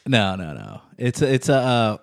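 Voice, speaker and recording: A man's voice: mid-range voice, wildly swooping pitch, slow pace, gravelly. A man trading easygoing wisecracks as a panelist in casual podcast banter.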